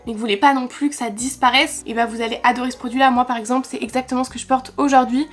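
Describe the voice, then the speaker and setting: A woman's voice: high-pitched, steady tone, rapid-fire. A young woman from France reviewing makeup in a chatty, enthusiastic vlog, talking straight to her viewers. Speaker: beauty vlogger.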